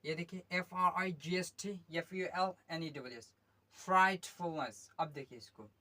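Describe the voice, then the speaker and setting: A man teaching English pronunciation. He spells each word letter by letter, repeats it slowly and stretched, and explains patiently with many okays. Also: on the high side, pushed and bright. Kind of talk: pronunciation lesson.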